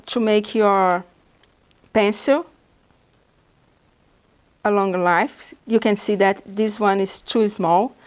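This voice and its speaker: Showing beginners her drawing supplies, an art instructor from Brazil speaks in a medium-pitched voice with a Brazilian Portuguese accent, Portuguese being her first language. Her explanations come slowly and patiently, broken up by many pauses.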